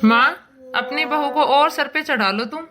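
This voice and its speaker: A woman's voice: high-pitched, normal speed, pushed and bright, soft background music. A woman voicing an angry young husband in a cartoon, indignant and arguing. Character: angry young Indian husband, mother's son. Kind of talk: cartoon voice acting.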